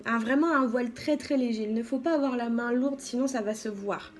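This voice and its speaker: A woman giving a calm, step-by-step makeup tutorial as a beauty vlogger, often saying "donc" and "voilà". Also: a little high, fairly quick, soft background music.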